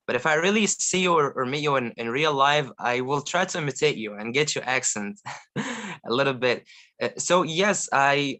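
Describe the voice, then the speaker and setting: A young Egyptian man in his 20s, a guest polyglot, chats in a casual interview using American-style English he learned as a non-native. His mid-range voice is animated, and he laughs a lot and frequently restarts his sentences.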